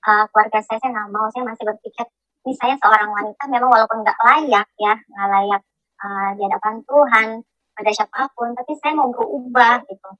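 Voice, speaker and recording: Bright-voiced woman giving emotional testimony. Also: on the high side, fairly even intonation, no room sound, highs cut off. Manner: emotional, halting, many fillers and restarts. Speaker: testimony speaker.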